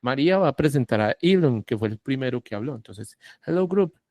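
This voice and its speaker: A man's voice: mid-range voice, expressive, fairly quick, darkish tone, no room sound, clean studio sound. A man teaching an online English class, explaining patiently and spelling letters out one at a time.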